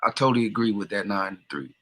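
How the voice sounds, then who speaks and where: A man's voice: lowish voice, lively intonation, fast, sharp tone. A man co-commentating on a boxing stream, giving casual post-fight verdicts in terse, blunt, slangy phrases.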